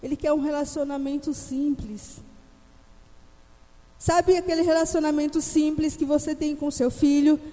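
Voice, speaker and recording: High-voiced woman preacher in an echoey hall. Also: little pitch movement, normal speed, mellow. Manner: emphatic, swelling dramatic preaching. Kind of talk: sermon. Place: church hall. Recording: echoey church hall reverb.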